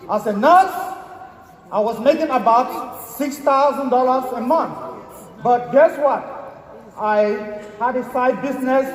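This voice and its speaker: Man raised in Germany, high-pitched and emphatic, motivational speaker working a large hall. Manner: emphatic, repeats rhetorical questions. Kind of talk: energetic motivational speech. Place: large event hall stage. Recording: echoey event hall, audience noise.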